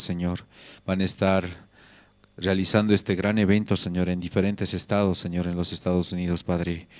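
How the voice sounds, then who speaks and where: Bolivian male pastor, very low steady voice, dry close sound, prayer cadence. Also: no room sound. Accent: Bolivian Spanish. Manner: repetitive prayer cadence, frequent "Señor" interjections. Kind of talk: church prayer service.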